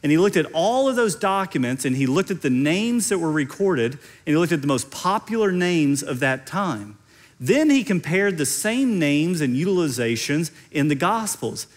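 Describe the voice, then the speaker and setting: Animated Kentucky-accented man preaching, high-pitched. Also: normal speed. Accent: Central Kentucky. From central Kentucky, United States. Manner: conversational, explanatory, repeats phrases for emphasis. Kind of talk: teaching sermon on stage. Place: large indoor stage.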